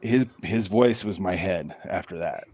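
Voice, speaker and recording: Low-voiced man with halting restarts, lo-fi. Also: a little mellow, husky. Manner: halting, with many restarts and repeated words. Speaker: podcast guest. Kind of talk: casual interview answers.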